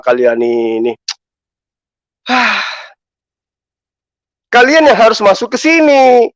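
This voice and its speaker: A man's voice: very high voice, dry recording. A man from Toraja, a preacher, giving mocking, emphatic commentary on a live stream. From Toraja, Indonesia. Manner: mocking, emphatic, repeats the name in taunts.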